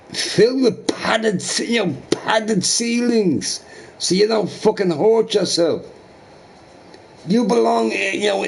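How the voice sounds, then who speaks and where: A man, a live streamer ranting at a viewer in a mocking, repetitive and profane way, sometimes sinking to a low mutter. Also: vocal fry, a little mellow. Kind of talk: angry rant at a chat viewer.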